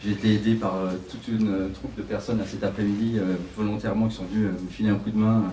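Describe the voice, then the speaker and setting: A man's voice: on the low side, flat delivery, fast, mellow. Middle-aged man, chatty, distant echoey mic. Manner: chatty, repeats words as he goes. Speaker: photographer presenting his exhibition. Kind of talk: casual speech to an audience. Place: small gallery, indoors. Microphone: handheld mic. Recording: distant mic in echoey room with faint crowd noise.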